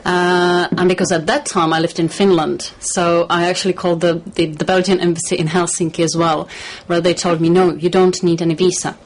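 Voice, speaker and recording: A woman from the Czech Republic, a studio guest in a radio interview, talking in a measured, hesitant way with many fillers. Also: fairly low pitch, flat delivery, rough recording.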